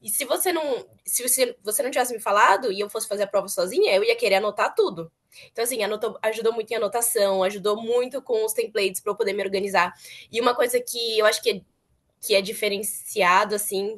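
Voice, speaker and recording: Young woman, interviewee, chatty, earnest, slightly high voice. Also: fast talker, fairly bright tone. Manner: chatty, earnest, repeats words for emphasis. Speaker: former student interviewee. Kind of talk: casual interview chat.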